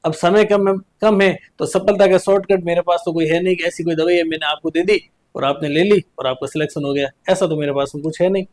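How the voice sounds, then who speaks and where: A man's voice: fairly high pitch, fairly even intonation, brisk, darkish tone. A young man from India, giving an earnest exam coaching lecture as a teacher, repeating points and asking rhetorical questions.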